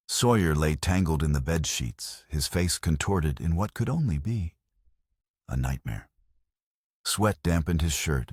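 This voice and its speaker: A man narrating a western story in a slow, measured storybook reading. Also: rumbling low, darkish tone, slightly rough, no echo, studio quality.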